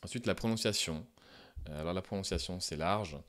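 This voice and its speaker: A man with a fairly low voice gives a relaxed spoken lesson on pronunciation. He thinks aloud as he goes, with small hesitations, and stops now and then to demonstrate a vowel sound himself. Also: a little fast. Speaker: English teacher.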